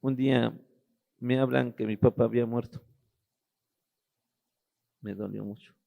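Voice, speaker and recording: A middle-aged man tells his personal testimony in a halting way, often restarting as he looks for words. His voice is deeply gravelly, with a dark, mellow tone, and sits at a middle pitch for a man. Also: steady tone. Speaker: guest giving a testimony.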